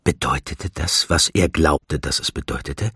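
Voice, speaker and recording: A man narrating a fantasy audiobook in a measured, steady storytelling manner. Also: sits low, breathy edge, no room sound, studio quality. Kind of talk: scripted narration.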